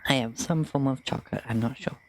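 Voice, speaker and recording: A game master narrates a streamed tabletop game casually. The voice sits at a middle pitch with a creaky edge, and the delivery is hesitant and informal. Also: quick pace, a little hiss or hum.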